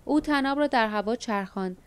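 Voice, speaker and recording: A woman narrating an audiobook in a measured, steady reading. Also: a little high, clean tone. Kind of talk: scripted narration.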